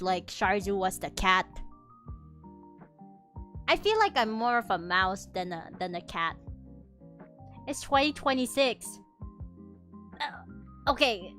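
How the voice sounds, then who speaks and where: A young woman streams as a VTuber, chatting casually as she draws and reacts to chat. Her fairly high voice breaks into animated, mock-outraged restarts.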